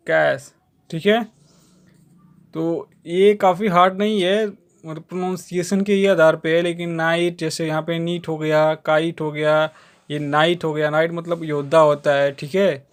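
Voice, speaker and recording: A man, teaching a school exercise. He reads the lines slowly, then explains them in Hindi, often adding a checking filler. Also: a little high, steady tone, clear, resonant tone. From India. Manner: keeps adding a checking "theek hai" as a filler.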